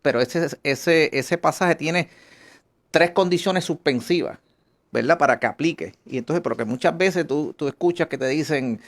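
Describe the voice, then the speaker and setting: A man's voice: fairly high pitch, moderate pace. A Puerto Rican man, a pastor and lawyer, explaining on a radio interview with many halts and restarts.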